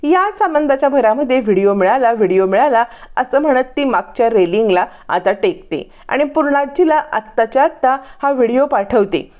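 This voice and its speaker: A woman retelling a TV serial episode as a storyteller, in a steady, matter-of-fact way. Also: high voice, highs cut off.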